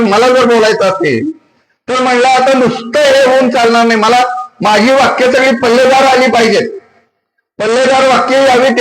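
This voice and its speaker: High-pitched man preaching in an echoey hall. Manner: storytelling, emphatic, repeats phrases. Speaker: kirtan preacher. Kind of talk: devotional sermon to students.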